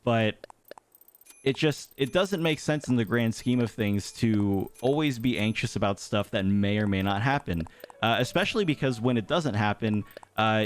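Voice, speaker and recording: A young man giving thoughtful, rambling advice in a casual talk over gameplay, with many fillers and restarts. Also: lowish voice. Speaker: gaming YouTuber.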